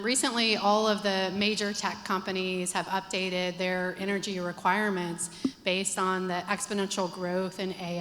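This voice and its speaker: A woman's voice: lowish voice, a bit bright, slight background noise. Confident woman panelist in a hall. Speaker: startup founder, panelist. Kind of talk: panel discussion. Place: conference stage. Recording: reverberant conference hall.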